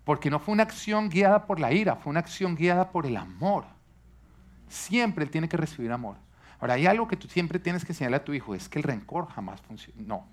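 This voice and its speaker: A man's voice: a little high, animated, brisk. A man preaching a sermon to a live congregation, teaching earnestly and asking the listeners rhetorical questions. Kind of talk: sermon on parenting.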